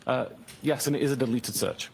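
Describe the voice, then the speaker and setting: A man testifying as an expert witness in a courtroom recording, giving measured, technical answers with frequent hesitations. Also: medium pitch, gravelly, slight background noise.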